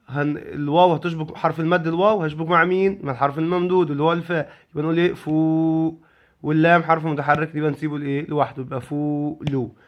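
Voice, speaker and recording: A man's voice: fairly high pitch, a bit bright. A middle-aged man with an Egyptian Arabic accent explaining a spelling lesson to children, repeating and quizzing them with questions. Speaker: teacher.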